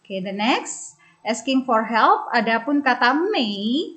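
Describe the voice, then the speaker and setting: A woman English teacher, explaining phrases in class and repeating them slowly for drilling. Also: on the high side, very animated, a bit bright, highs cut off. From Indonesia.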